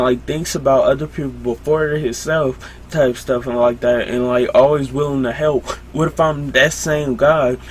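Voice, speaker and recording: This young man's voice sits at medium pitch, with a slight hiss or hum behind it. Alone at home on his late-night podcast, he drifts along in a slow, sleepy way, filling gaps with lots of fillers and breaking into his own thoughts.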